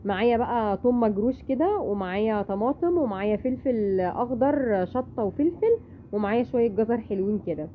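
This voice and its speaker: A woman's voice: fairly high pitch, lively intonation, fairly quick. A woman with an Egyptian accent chatting in a cooking vlog, confiding and acting out little dialogues. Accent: Egyptian Arabic. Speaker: vlogger. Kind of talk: casual cooking vlog chat. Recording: tinny phone-like sound, faint noise.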